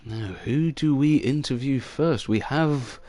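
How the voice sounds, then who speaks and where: A man commentating a sim racing league with excitable, exclamatory calls. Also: medium pitch, takes it slowly. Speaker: race commentator.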